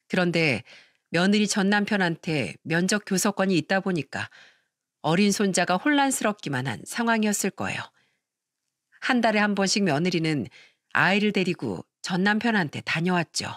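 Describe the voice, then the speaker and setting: A woman narrating a first-person story in a calm, steady, confiding way. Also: lowish voice, no echo, clean studio sound.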